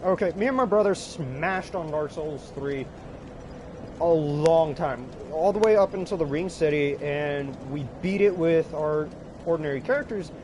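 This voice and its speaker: A man casually telling an anecdote about his games, animated, swearing freely and breaking into laughter. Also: fairly high pitch, normal speed, background noise. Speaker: gaming storyteller.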